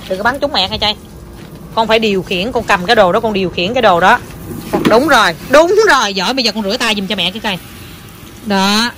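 A mother chatting with her small child in a home vlog, animated and coaxing, with English words mixed into her talk. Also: mid-range voice, quick pace, a little hiss or hum. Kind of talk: casual home vlog chat.

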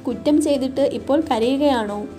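A woman's voice: sits high, normal speed, dark tone, soft background music, lightly acted. A woman voicing a pitiless male policeman who gives curt, sneering orders in a read-aloud story.

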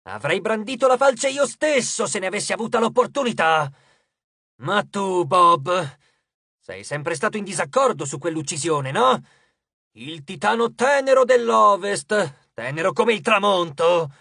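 A man voicing a boastful, hot-tempered male Titan lord of dawn in an audiobook, raised and drawn out, often shouting. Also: high-pitched, animated, measured pace, husky, dry recording, studio quality, exaggerated voice. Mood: mocking.

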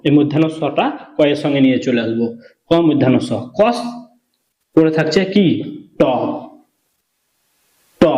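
A man teaching a beginner reading lesson, slow and patient, asking questions and answering them himself. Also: on the high side, a little mellow. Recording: echoey room, dull lo-fi sound.

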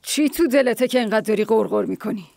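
Older mother-in-law, gravelly and domineering, voiced by a woman in a drama dub. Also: a little high, darkish tone, no echo. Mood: stern. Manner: scolding, commanding. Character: bossy older village mother-in-law, sharp-tongued matriarch.

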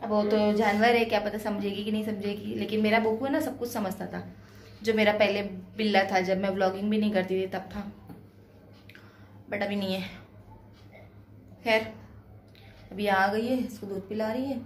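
A woman's voice: medium pitch, steady tone, moderate pace, pauses often, slight background noise. A woman from India chatting casually to her viewers in a home vlog, talking through dental pain, recorded on a phone camera indoors. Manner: chatty, addresses viewers directly. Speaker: vlogger.

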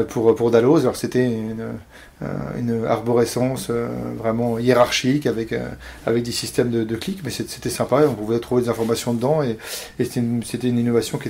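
A company founder in his 40s from Paris, France, talks casually as an interview guest. He sounds hesitant, with many fillers and restarts, and his mid-range, steady, darkish voice moves a little fast.

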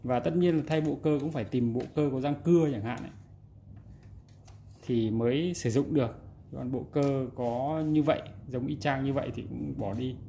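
Speaking at a moderate pace with a mellow, medium-pitched voice and some vocal fry, this man walks through a repair informally and hands-on for his video. He's indoors at a repair workbench, with background noise and room ambience audible.

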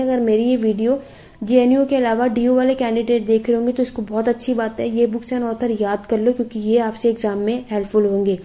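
Teaching exam prep, a young woman reads English passages slowly, then patiently explains them, her fairly high voice soft and mellow. Her frequent "theek hai" check-ins keep her students engaged again and again.

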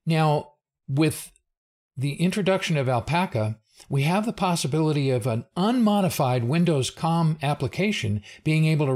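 In his 60s or beyond, a man narrates an explanatory slide presentation as a technical briefing, plain-spoken with casual asides. His voice is medium-pitched and a little mellow.

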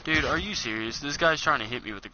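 A man's voice: a little high, fast talker. A young man chatting casually and joking while playing an online game with friends. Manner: joking, rambling, playful. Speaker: gamer streaming with friends. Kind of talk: casual gameplay chat. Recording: dull lo-fi game capture with loud background noise.

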